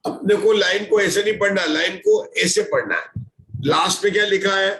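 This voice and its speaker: A man's voice: high voice, moderate pace, fairly bright tone, roomy sound, slight background noise, low-quality recording. A man teaching an online scripture class, patiently explaining formulas step by step and checking often that everyone follows.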